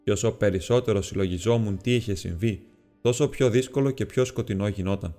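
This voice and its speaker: A man narrating an audiobook in a steady, measured storytelling manner. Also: on the low side, long reverb tail, faint music behind. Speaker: audiobook reader.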